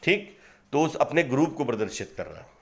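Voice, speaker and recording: A man's voice: medium pitch, very animated, vocal fry, a bit bright. A man teaching English grammar from slides, explaining step by step, asking questions and answering them himself, with an Indian accent on the English example sentences. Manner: reads English example sentences slowly and deliberately. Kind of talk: slide-based grammar lesson.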